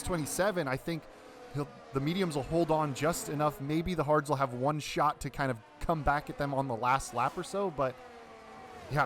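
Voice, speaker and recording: Guy doing color commentary on a race, slightly high voice, easygoing, lots of you know and uh. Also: slight background noise. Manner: analytical, loose, with frequent fillers. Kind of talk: colour commentary on sim racing.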